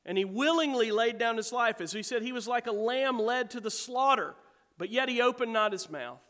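A man's voice: very high-pitched, animated, normal speed, a bit bright, long reverb tail. A man preaching a sermon as pastor, emphatic and full of rhetorical questions to the congregation.

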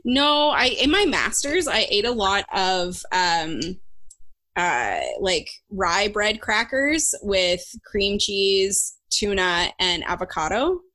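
Woman, podcast host, relaxed conversational style, very bright voice, medium pitch. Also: slow. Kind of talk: casual chat.

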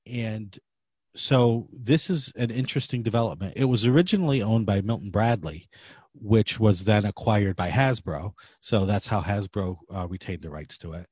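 Man, podcast host, lower voice, slightly husky, dry close sound, casual talk. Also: moderate pace, darkish tone, no echo.

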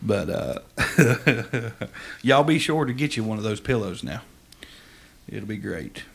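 A man's voice: on the low side, animated, slow, creaky, breathy edge. A man co-hosting a podcast in casual, jokey, mock-serious banter. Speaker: podcast co-host.

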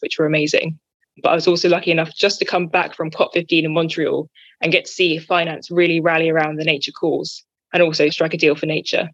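A woman's voice: deep voice, no echo. A woman hosting a podcast in a conversational way. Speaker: podcast host, finance strategy head. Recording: dry, slightly dull audio.

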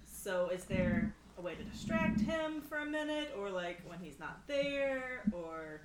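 A woman's voice: mid-range voice, animated, measured pace. A woman chatting casually as a player in a tabletop game. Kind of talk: casual chat. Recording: roomy sound with faint noise.

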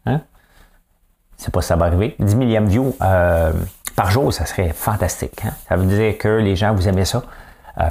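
A middle-aged man with a Quebec French accent and a fairly low voice. He talks in a loose, chatty way, often asking his listeners to agree. It sounds like a casual vlog monologue. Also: a little mellow. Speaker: vlogger.

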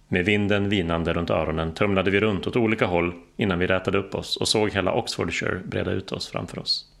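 Male audiobook narrator, wry and dry; low, gravelly timbre. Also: a bit bright.

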